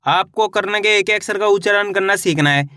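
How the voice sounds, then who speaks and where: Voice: medium pitch, brisk, pushed and bright, no echo, studio quality. A reading teacher giving a beginner lesson who sounds out each word syllable by syllable, blends the syllables, and keeps asking the learner how to read it. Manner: sounds out words syllable by syllable, then blends them; encouraging, addresses learners as friends.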